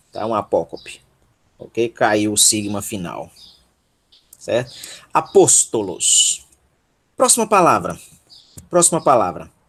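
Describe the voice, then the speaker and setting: A medium-pitched man with a Brazilian Portuguese accent runs an online Greek workshop, going syllable by syllable. He encourages his students patiently and checks in on them often.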